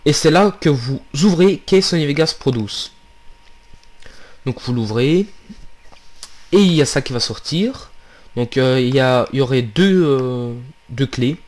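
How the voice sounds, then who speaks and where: A man's voice: mid-range voice, expressive, a little slow, long pauses, darkish tone. Guy doing a chill computer tutorial, lots of umms and restarts, talks you through each click. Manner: hesitant, many fillers and restarts, steps through clicks. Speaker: tutorial maker. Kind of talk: casual screen-recording tutorial narration.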